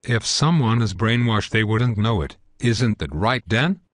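A man's voice: lowish voice, expressive, a little slow, no echo, clean studio sound. A synthetic male voice playing a smug, belligerent parody news anchor in a scripted cartoon newscast, stiff and pompous.

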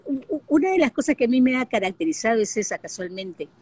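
An older woman with a Peruvian Spanish accent, a guest telling lively stories in a casual interview with plenty of fillers. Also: fairly high pitch, fast, breathy edge, no echo. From Peru. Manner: lively storyteller, frequent fillers. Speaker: guest, actress and broadcaster. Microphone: video call.

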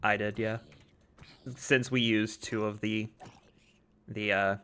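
Low-voiced laid-back male gaming host. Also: little pitch movement, slow pace, pushed and bright, clear, resonant tone. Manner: laid-back, joking, chuckles often. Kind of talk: casual chat while playing a modded game.

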